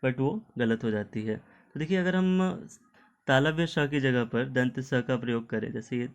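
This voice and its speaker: A man gives a recorded Hindi lesson on pronunciation, his voice sitting at an ordinary middle pitch. He talks through examples patiently and keeps asking "okay?" as he goes. English words turn up now and then in his Hindi. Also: a little slow, smooth. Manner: explains patiently, repeating "ठीक है" often. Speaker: Hindi teacher. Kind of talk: online video lesson.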